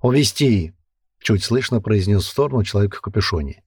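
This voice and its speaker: A man reading an adventure story aloud in a steady, storytelling manner. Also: fairly low pitch, fast, breathy edge, no echo, clean studio sound. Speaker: narrator. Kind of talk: audiobook narration.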